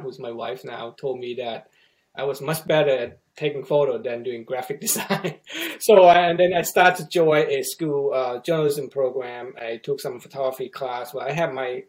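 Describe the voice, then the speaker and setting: A man's voice: mid-range voice, rough recording. A middle-aged man from Thailand, a native Thai speaker, telling his story as a podcast guest with many restarts and fillers. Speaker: guest photographer. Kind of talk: casual interview storytelling.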